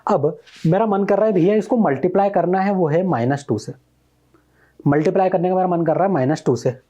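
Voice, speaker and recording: A man's voice: high-pitched, a little fast, dark tone. A male math teacher giving a recorded online lesson, explaining step by step and quizzing his students as he goes.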